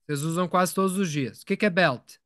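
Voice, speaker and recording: A man's voice: high-pitched, brisk, a bit bright, no echo, studio quality. A man teaching English in a live online lesson, explaining patiently, repeating words and asking his students questions.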